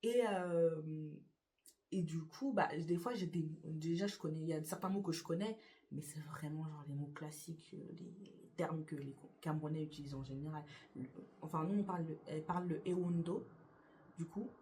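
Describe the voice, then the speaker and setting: Young woman chatting in a hesitant, low-pitched voice. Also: normal speed, dark tone, a little hiss or hum. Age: young adult. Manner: hesitant, many fillers and restarts. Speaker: YouTuber. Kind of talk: casual get-to-know-me tag chat. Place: her bedroom beside a window.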